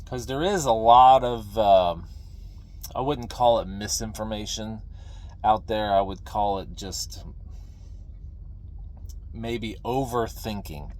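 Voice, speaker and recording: A middle-aged man talking casually and ramblingly to viewers, folksy and opinionated, halting and repeating phrases for emphasis. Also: fairly low pitch, a little mellow. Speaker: video creator, veteran pipe smoker. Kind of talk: casual rambling talk to camera.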